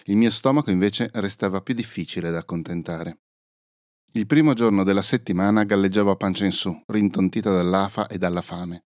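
A man narrating a fairy-tale story in a calm, even storytelling manner. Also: deep voice, fairly quick, no echo, studio quality. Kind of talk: scripted first-person narration.

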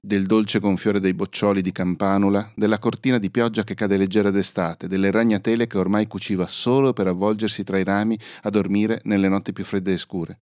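A man narrating a fairy-tale story in a calm, even storytelling manner. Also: on the low side, brisk, few pauses, dry recording, studio quality. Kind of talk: scripted first-person narration.

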